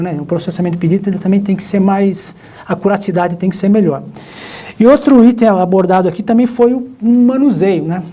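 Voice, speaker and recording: A man's voice: high-pitched, dark tone, slightly rough. A male professor with a Brazilian Portuguese accent, explaining logistics in a live online class, rambling with many restarts. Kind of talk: live online lecture chat.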